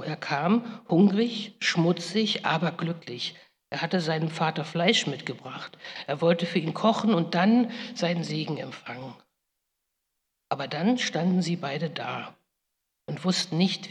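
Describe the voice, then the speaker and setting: Her voice is deep as she takes on the role of Rebekka, a biblical mother weighed down by guilt. The solemn first-person monologue, punctuated by pleading cries, echoes through a big reverberant hall.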